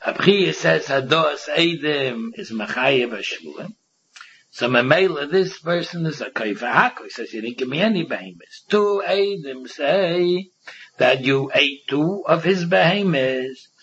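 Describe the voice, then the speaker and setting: A man's voice: a little high, lively intonation, takes it slowly, crowd noise. A man with a Yiddish-inflected accent giving an informal Talmud lesson, reading and explaining in a sing-song, repetitive way with rhetorical questions. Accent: Yiddish-inflected English. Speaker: religious teacher giving a Talmud class. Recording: dull, muffled lo-fi recording.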